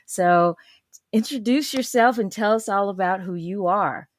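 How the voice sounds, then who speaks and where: A woman's voice: mid-range voice, measured pace, dry recording, clean studio sound. A woman hosting a podcast interview, enthusiastic and affirming toward her guest. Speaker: guest host.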